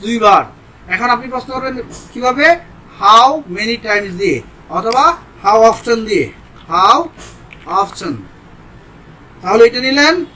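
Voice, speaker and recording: A man with a Bangladeshi accent gives an informal, step-by-step English grammar lesson, mixing Bengali and English examples while sweating in a hot room. His very high voice is pushed and bright, and the low-quality recording carries a little hiss or hum.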